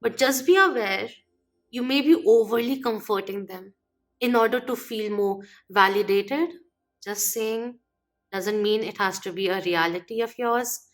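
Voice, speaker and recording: A woman giving a channeled tarot reading, gently and reflectively listing what each card means. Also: mid-range voice, unhurried, faint music behind. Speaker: tarot reader.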